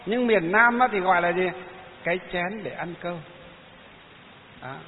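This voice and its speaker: Northern vietnamese guy preaching buddhism, high voice, tinny hissy sound echoing round a hall. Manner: poses rhetorical questions and answers them himself; frequent drawn-out "à" fillers. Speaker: Buddhist dharma teacher. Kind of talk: sermon. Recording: tinny phone-like sound, hiss, long hall reverb.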